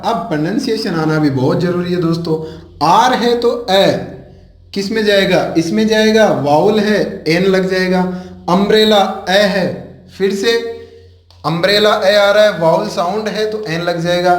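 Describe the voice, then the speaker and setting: A man from India with a Rajasthani Hindi accent teaches an online grammar lesson in a fairly high voice. He explains step by step, often poses a question to the viewers and then answers it himself. The sound is roomy, as in an echoing classroom. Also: a little slow. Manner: often addresses viewers as friends.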